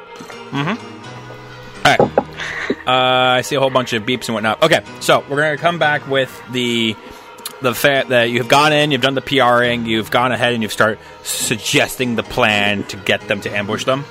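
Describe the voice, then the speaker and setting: A man's voice: medium pitch, fairly even intonation, moderate pace, sharp tone, faint music behind. A man running a tabletop role-playing game as game master, narrating in a loose, rambling way. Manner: loose, rambling, many restarts.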